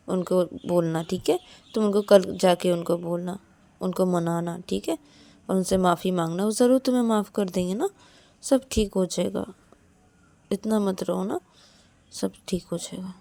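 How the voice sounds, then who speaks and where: A woman puts on a caring young man in a spoken storybook, coaxing someone to stop crying. He repeats himself gently and reassuringly. The voice is warm and mellow. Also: on the low side, creaky. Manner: soothing, repetitive coaxing. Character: caring young man comforting his partner.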